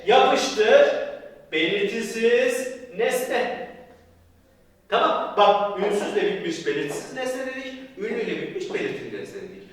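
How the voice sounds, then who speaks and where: Heard from far off in an echoey hall, a man with a very high voice and big pitch swings teaches grammar for an exam at a measured pace. In this recorded exam-prep lecture, he emphatically repeats warnings and both asks and answers students' questions himself.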